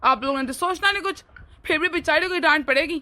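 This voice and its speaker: A woman voicing a young husband in an animated family drama, who coaxes his wife but speaks firmly and dismissively to his parents. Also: high-pitched, fast, background noise, lightly acted. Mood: coaxing. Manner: firm, dismissive, coaxing.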